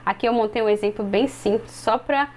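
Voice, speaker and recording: A Brazilian woman in her twenties, an English teacher explaining step by step and modeling phrases slowly for other teachers. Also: on the high side, slight background noise. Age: 20s.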